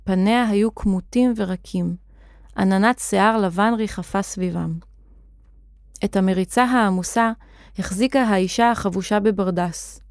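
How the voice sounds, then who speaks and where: A woman reads a children's serial story aloud with clear, expressive storytelling. Her voice sits at a middle pitch for a woman. The recording is close and dry, with no room around it. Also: no echo.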